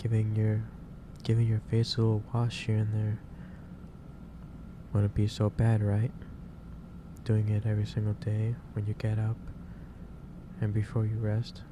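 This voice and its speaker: In a soft ASMR roleplay, a man improvises a monologue to the listener as a gentle, caring office boss offering advice. He speaks hesitantly, pausing mid-sentence, in a lowish voice with a completely flat delivery, over clearly noisy background ambience.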